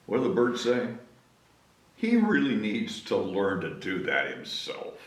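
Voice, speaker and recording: This host reads to children in a lowish voice with huge pitch swings, unhurried and playfully coaxing as he stretches words and asks listeners to join in. A little hiss or hum sits under the echoey sound from a distant microphone.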